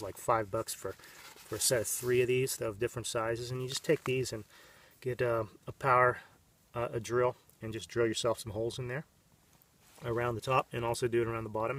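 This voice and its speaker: Out in the open desert, the same thirtysomething vlogger meanders through his demonstration, chatty and full of fillers and false starts. The camera mic catches his medium-pitched voice from a few feet away, on-camera and off-frame, with light background noise.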